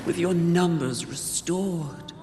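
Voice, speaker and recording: An actor voicing a seductive, smug demon of lust in a video game cutscene, with a teasing, drawn-out delivery. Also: medium pitch, lightly acted. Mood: coaxing, mocking. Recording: echoey long reverb, loud game music behind.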